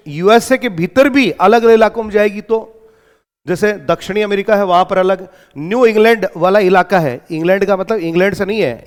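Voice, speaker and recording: A man's voice: high-pitched, long reverb tail. An Indian man with an Indian accent giving an exam-prep lecture, explaining and then answering his own questions. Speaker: exam-prep English teacher. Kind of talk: lecture in Hindi mixed with English terms.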